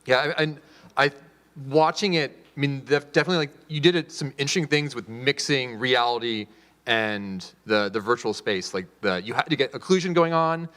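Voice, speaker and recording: A male instructor with a mid-pitched voice, probing with questions while fumbling through fillers and restarted phrases. His voice carries a long hall reverb. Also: normal speed, a bit bright. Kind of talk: critique discussion.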